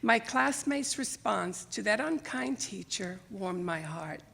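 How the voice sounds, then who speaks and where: Her voice mid-range, creaky and slightly rough, an older woman reads slowly from her own scripted memoir to a live audience on a library theater stage. Born in Greece and relocated to America in childhood, she first spoke Greek or Italian, and she storytells expressively, acting out dialogue from memory.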